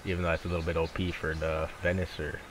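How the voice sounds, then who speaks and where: A young man with a low, fairly flat voice talks fast in voice chat during an online multiplayer strategy game. He thinks aloud hesitantly, using many fillers, with clear background noise in the recording.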